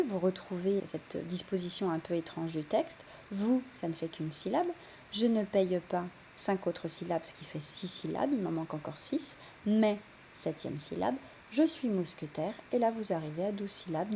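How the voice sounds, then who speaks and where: A woman's voice: fairly low pitch, mellow, slight background noise. A young woman teaching a recorded literature lesson, explaining step by step with frequent fillers and restarts.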